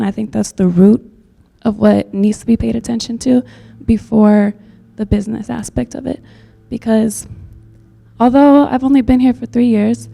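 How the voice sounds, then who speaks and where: A woman from Texas speaks up at a community meeting, heartfelt and rambling, leaning on fillers as she goes. Her voice sits a little high but sounds dark and mellow, with a gravelly fry running through it. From Texas, USA. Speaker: community member commenting at a public meeting. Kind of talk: earnest public comment.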